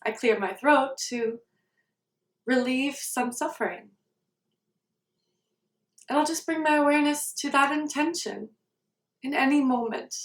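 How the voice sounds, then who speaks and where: A woman guiding a meditation in a slow, soft, calm way. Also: high voice. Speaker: meditation guide. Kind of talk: guided meditation. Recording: roomy sound, somewhat far from the mic.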